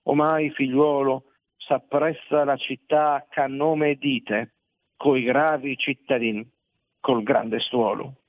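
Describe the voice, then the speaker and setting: A wise older guide speaks with calm, measured assurance, as a man reads him out. The sound is tinny and narrow, as if through a phone line. The voice is dry and close, with no room around it. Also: mid-range voice, no echo. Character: wise stern male poet guide, older.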